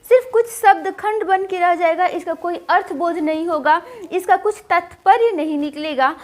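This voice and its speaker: High-voiced woman teaching grammar. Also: fairly bright tone. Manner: repeats and restates points, slowing to spell out example sentences word by word. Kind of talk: explanatory classroom lesson.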